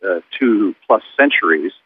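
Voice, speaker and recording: A man's voice: fairly low pitch, lively intonation, a little slow, slightly rough. A man giving interview comments as a ministry spokesman over a tinny phone-like line. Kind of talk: interview sound bite.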